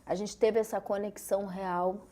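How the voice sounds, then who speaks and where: A woman's voice: medium pitch, little pitch movement, normal speed, warm tone. A woman, a journalist guest on a podcast, explaining her views in an earnest, reflective way. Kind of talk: casual podcast chat.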